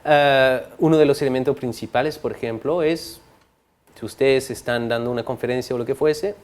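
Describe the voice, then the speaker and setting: A man teaching a recorded course on public speaking, animated, often checking in with tag questions and varying his loudness for effect. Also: medium pitch, normal speed. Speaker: course instructor.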